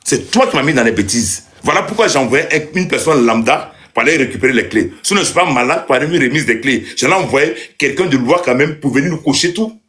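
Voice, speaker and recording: A man's voice: medium pitch, expressive, quick pace, few pauses, a bit bright. A man, ranting angrily and hurling insults in a heated live monologue. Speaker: landlord ranting on a live stream.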